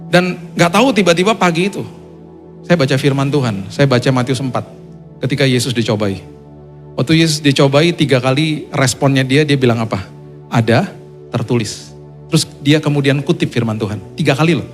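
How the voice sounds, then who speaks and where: A male pastor tells his testimony in a sermon, storytelling dramatically and letting his voice climb high when excited. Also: brisk, soft background music.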